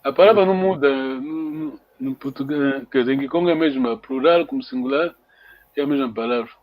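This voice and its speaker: A man's voice: medium pitch, no echo, dull audio. Patient man teaching a language online. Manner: patient, repeats words slowly for students.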